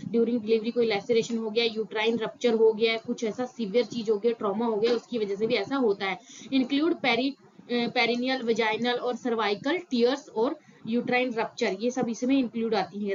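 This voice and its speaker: A woman's voice: a little high, dull audio, noisy background. A woman teaching an exam-prep nursing lecture, explaining step by step and often repeating key terms with small fillers. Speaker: nursing tutor.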